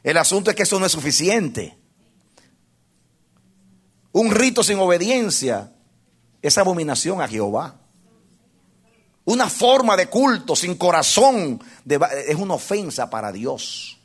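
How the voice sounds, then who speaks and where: A man preaching a sermon to a congregation, impassioned, asking them questions and repeating phrases for emphasis, swinging from hushed to loud. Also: high-pitched, sing-song, measured pace, long pauses, breathy edge. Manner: addresses the congregation directly with questions.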